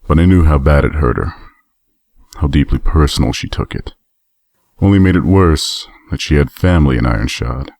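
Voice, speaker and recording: A man playing a grim, very deep armored pony veteran. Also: animated, normal speed, creaky, a little mellow, no room sound, studio quality, full character voice. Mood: somber. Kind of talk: audiobook role reading.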